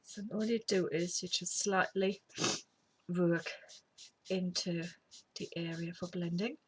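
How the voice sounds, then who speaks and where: A middle-aged woman with a slight cold hosts a craft tutorial, her lowish voice steady, slow and breathy. She chats and rambles casually while demonstrating a technique, dropping to whispers as she works. The audio is poor, with faint background noise.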